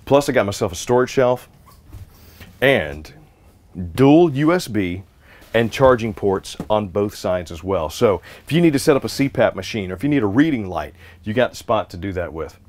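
A man's voice: on the low side, expressive, normal speed. Upbeat man touring a trailer. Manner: upbeat, jokey salesman patter. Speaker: RV reviewer. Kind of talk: casual walkthrough tour. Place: inside and around a small travel trailer.

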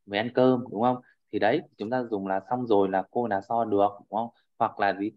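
A man's voice: on the low side, steady tone, brisk, muffled recording. A man teaching a class over a video call, often checking in with his students and repeating fillers as he explains. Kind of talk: online class lecture.

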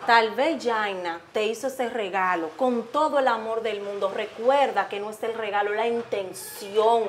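A woman's voice: fairly high pitch, measured pace, a little hiss or hum, lightly acted. A woman playing a friend who earnestly scolds a mother for being unfair. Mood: reproachful. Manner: reproachful, earnest.

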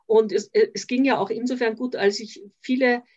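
Her voice is a little high, steady and darkish, at a normal speed, and she has an Austrian accent. This older social worker is a guest in a video-call interview, talking reflectively with hesitation and many restarts. The recording sounds a bit dull.

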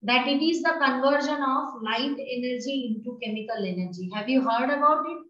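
Woman, Indian accent, high pitch, biology teacher, questioning manner, English mixed with Hindi, roomy echo, muffled call audio. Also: brisk, fairly bright tone. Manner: questioning, prompting, switches between English and Hindi. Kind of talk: online class lesson with questions to students. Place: indoor room with bookshelves. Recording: echoey, dull video-call audio.

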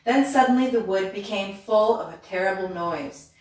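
A woman reads a fairy tale aloud in a steady, measured way, now and then stumbling on a word. Her voice sits at a middle pitch. The recording comes from a very echoey room, with the mic set well away from her. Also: distant mic. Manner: steady, measured reading with small slips. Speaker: storyteller. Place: reading room.

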